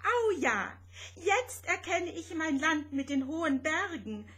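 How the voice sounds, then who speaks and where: A woman's voice: high-pitched, animated, takes it slowly, fairly bright tone, pitched above the performer's own voice, exaggerated voice. A woman voicing a timid, homesick little girl spaceship who talks in an anxious, whiny way. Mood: joyful.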